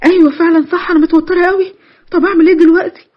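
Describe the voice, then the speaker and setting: A woman voicing a shy, nervous young college girl with an Egyptian accent, pitching her voice high and jittery. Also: rapid-fire, muffled recording, natural voice. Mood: flustered. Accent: Egyptian Arabic.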